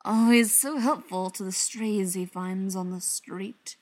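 A woman's voice: medium pitch, steady tone, slow pace, a little mellow. A woman voicing a tense, bitter male vampire leader who speaks curtly. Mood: bitter defensive. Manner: curt, through gritted teeth.

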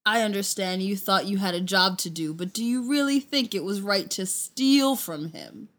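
A woman's voice: mid-range voice, normal speed, fairly bright tone, natural voice. A woman voicing a huge bearded half-giant traveler in an amateur audio reading, blunt at times and bashful at others, heard a little away from the mic. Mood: challenging.

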